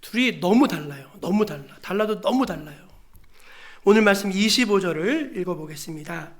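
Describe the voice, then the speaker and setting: A man's voice: high-pitched, animated, a little fast. A male pastor preaching a sermon in a church, emphatic, with rhetorical questions to the congregation and calls to read scripture aloud together. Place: church sanctuary.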